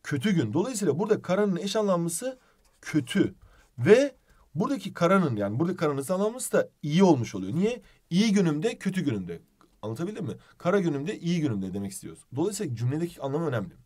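A male teacher runs a video lesson in a playful, animated way, asking questions as he goes. His voice sits fairly high and moves a lot in pitch. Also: quick pace.

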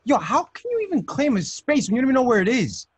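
A man's voice: extremely high pitch, big pitch swings, quick pace, slightly rough, no echo, heavily acted. A young man acting Charlie, a restless, defensive young man lost in a strange dream space, in an amateur videoplay recorded over a video call. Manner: edgy and defensive, questions loudly.

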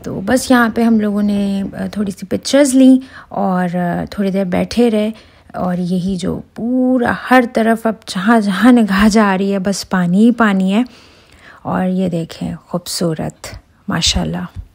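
A chatty woman in her thirties vlogging outdoors on a cruise ship deck. She talks straight to her viewers in a casual, excited way, recorded on a handheld phone. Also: mid-range voice, slow pace, creaky. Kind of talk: casual travel vlog narration.

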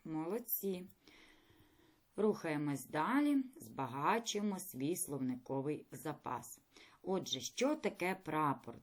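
A woman teacher leading a recorded reading lesson for fourth graders, addressing pupils directly with questions and praise. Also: low-pitched. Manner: slow, clear classroom explaining with lively intonation. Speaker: primary school teacher.

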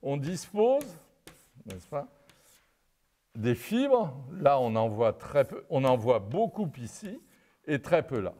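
Slow, lively older man lecturing. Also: mid-range voice. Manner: digressive and wry, peppered with "n'est-ce pas". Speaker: anatomy lecturer. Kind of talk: live art-anatomy lecture at a chalkboard.

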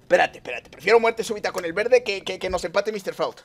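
A man streaming live gameplay commentary, excitable, muttering one moment and shouting the next. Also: sits high, fast talker, heavy background noise. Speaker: gaming streamer.

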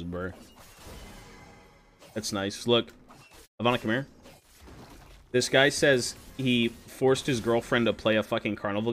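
A man's voice: fairly low pitch, a bit bright. A man streaming a video game, chatting casually while he plays, swearing freely and trash-talking his teammates. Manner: joking, self-amused. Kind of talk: casual gaming commentary.

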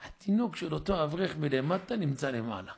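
A man's voice: animated, gravelly, crowd noise. A man, a rabbi, giving a sermon in a synagogue and telling a story, acting out its dialogue with rising and falling voice. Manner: acts out the story's dialogue with shifting pitch and loudness. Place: synagogue, live stream.

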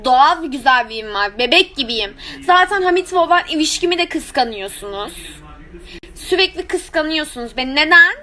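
A woman's voice: high voice, expressive, moderate pace, pushed and bright. A woman with a speech impediment on R sounds, chatting casually and comedically to her followers in an emphatic, exasperated, slangy way. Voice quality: speech impediment, cannot pronounce R and some letters. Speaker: social media content creator.

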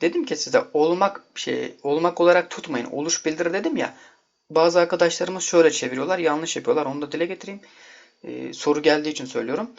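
A man's voice: a little high, fast, gravelly. A man teaching an online video lesson, patiently explaining and addressing viewers as friends. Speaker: language teacher. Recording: dull lo-fi audio.

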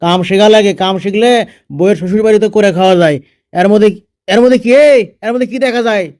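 A man's voice: high-pitched, fast talker, darkish tone, natural voice. A man with a Bogura accent from northern Bangladesh playing a bossy army officer and father in a comedy dub, scolding and sarcastic. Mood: sarcastic ordering. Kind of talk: comedy dubbing in dialect.

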